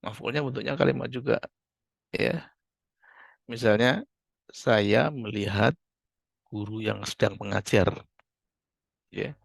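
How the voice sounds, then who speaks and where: An Indonesian-accented man gives a university lecture, working through terms slowly and repeating them with frequent fillers. His voice sits low and carries heavy gravelly fry. The sound is dry and close. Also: no room sound. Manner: explains patiently, repeating key terms with many fillers. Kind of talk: online class lecture.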